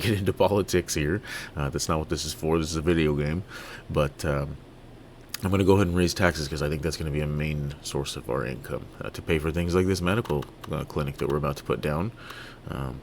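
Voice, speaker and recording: A man from Toronto giving relaxed, halting let's-play commentary on a city-building game, full of fillers and restarts. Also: extremely low pitch, creaky, a little hiss or hum. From Toronto, Canada. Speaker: gaming video creator.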